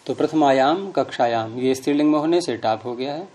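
A man's voice: medium pitch, a little fast, a little mellow. A middle-aged man teaching a grammar class, explaining patiently and quizzing his students. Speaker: Sanskrit teacher.

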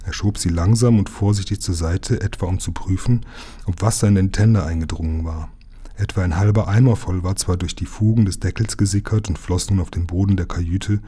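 A man reading a children's book aloud, telling it calmly and evenly. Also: low voice, slightly rough. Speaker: narrator.

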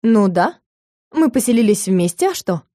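A woman's voice: mid-range voice, big pitch swings, moderate pace, warm tone, no room sound, clean studio sound, lightly acted. A woman voicing an irritated young female office employee who speaks curtly and coldly, in an audiobook. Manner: curt, cold, clipped.

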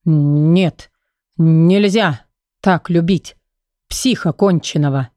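Audiobook: tormented young man with a split personality, low, desperate pleading, read by a woman. Warm tone, dry booth. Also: unhurried, no room sound.

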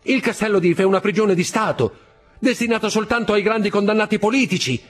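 A man's voice: sits high, quick pace, faint music behind, voice pushed up. A man reading aloud voices a desperate young male prisoner who cries out in rising alarm.

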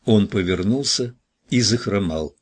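Low husky male audiobook narrator. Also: animated, measured pace. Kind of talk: scripted narration.

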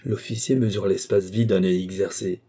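A man calmly narrating an audiobook story. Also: low voice, breathy edge. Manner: calm, measured storytelling.

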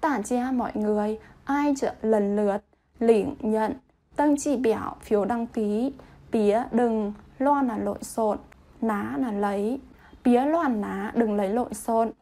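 A woman teaching vocabulary, reading example sentences slowly and then translating them word by word. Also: fairly high pitch, mellow. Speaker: Chinese language teacher.

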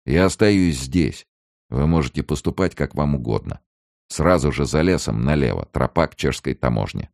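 A man's voice: rumbling low, lively intonation, normal speed, creaky, darkish tone, no room sound, clean studio sound, full character voice. A male narrator voicing a weary young refugee who speaks tersely and coldly. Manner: terse, cold, restrained. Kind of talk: audiobook character voice.

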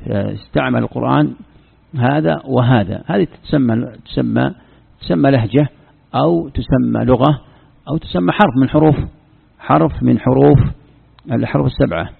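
Gravelly-voiced man teaching in a tinny recording. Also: medium pitch. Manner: patient, repeats words for emphasis, gives examples. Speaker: Islamic scholar teaching Quran exegesis. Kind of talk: explanatory religious lecture.

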